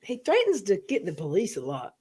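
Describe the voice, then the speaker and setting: A woman's voice: medium pitch, huge pitch swings, brisk, darkish tone, husky. A woman in a casual chat with a friend, speaking candidly and rambling, often trailing off. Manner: candid, rambling, frequent fillers and restarts. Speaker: co-host of a chat video.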